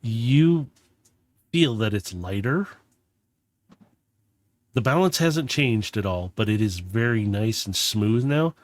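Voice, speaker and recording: A man's voice: lowish voice, lively intonation, slow pace, long pauses, dry recording. A man working as game master, improvising casual, descriptive narration for a tabletop game and correcting himself as he goes.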